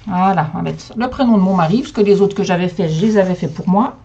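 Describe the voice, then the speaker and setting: A woman's voice: lowish voice, quick pace, warm tone, breathy edge, dull audio. A woman casually hosting a live crafting demonstration from home, chatting with viewers as she works. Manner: chatty, answers viewer comments and talks to her dog. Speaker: host of a live crafting stream.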